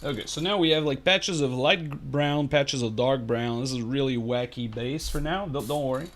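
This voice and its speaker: A man's voice: medium pitch, moderate pace, fairly bright tone, slight background noise. A man hosting a live miniature painting tutorial, chatting casually and rambling with lots of fillers, joking and talking to his chat. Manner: jokey, talks to chat.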